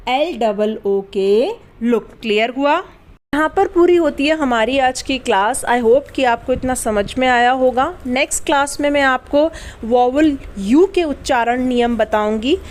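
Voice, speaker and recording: Young woman teacher, high voice, slow and patient, spells words out letter by letter. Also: darkish tone. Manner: asks the class if it is clear. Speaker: English teacher. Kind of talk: online spoken English lesson.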